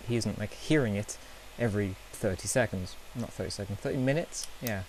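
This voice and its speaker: A man's voice: fairly low pitch, brisk, slight background noise. A young man vlogging in a casual, self-deprecating way, telling awkward stories with nervous fillers. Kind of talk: casual storytelling vlog.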